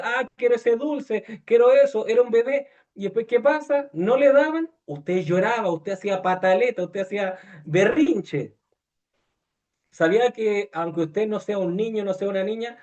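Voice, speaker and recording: A man's voice: sits high, normal speed, darkish tone, muffled recording. A man preaching a conversational sermon, full of hesitations and restarts, often asking his listeners questions. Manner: many fillers and restarts, asks listeners questions, acts out quoted voices.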